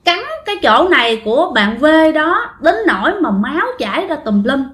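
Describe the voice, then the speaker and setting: A woman's voice: sits high, lively intonation, normal speed, fairly bright tone, reverberant. A woman telling a ghost story in a chatty way, talking straight to her listeners. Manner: chatty, addresses listeners directly.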